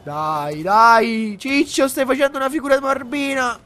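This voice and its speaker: A young man commentating his own video game boss fight, excitable, swearing, and shouting and repeating words in bursts. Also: extremely high pitch, measured pace. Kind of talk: live gameplay commentary.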